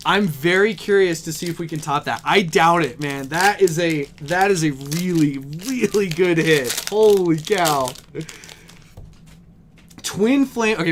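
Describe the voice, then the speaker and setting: A young man with a slightly high voice streams pack openings from a game store, reading each card name aloud and talking to his viewers. He gets excited easily, and his desk mic picks up a faint hum of store ambience. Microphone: desk microphone.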